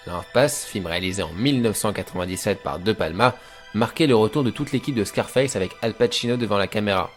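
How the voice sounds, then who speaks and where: A man's voice: on the low side, fast. A man hosting a film analysis show, narrating a scripted video essay in an informal way that addresses viewers directly. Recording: voice-over with music behind.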